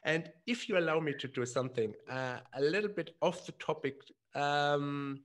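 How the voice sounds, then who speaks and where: A man's voice: fairly high pitch, normal speed, a bit bright. A man hosting a podcast interview, asking long, hesitant questions full of fillers and restarts. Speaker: podcast host.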